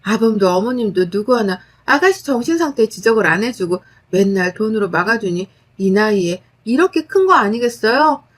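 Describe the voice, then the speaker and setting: A woman's voice: mid-range voice, animated, moderate pace, few pauses. A woman narrating a dramatized first-person story, blunt and firm in tone. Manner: blunt, firm, sharp-tongued.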